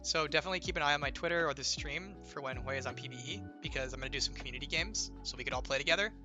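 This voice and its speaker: This young game designer is hosting a casual livestream Q&A, rambling and teasing, his speech thick with "like" and "right?". He talks very fast in a slightly high voice strained a little by illness, with music in the background.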